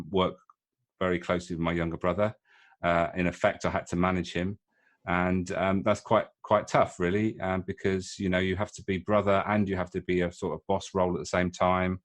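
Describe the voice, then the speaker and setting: A middle-aged man with a very low voice talks casually as an interview guest. He speaks haltingly, with frequent ums and restarts. He is from the UK and is sharing his experience as a leadership coach. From United Kingdom. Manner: hesitant, many fillers and restarts.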